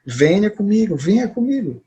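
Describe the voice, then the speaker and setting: A man with a Brazilian accent voicing a sweet, insistent little girl of about ten, raising his pitch and coaxing. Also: very animated, moderate pace, dark tone, husky, heavily acted. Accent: Brazilian Portuguese. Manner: pleading, coaxing, raised pitch.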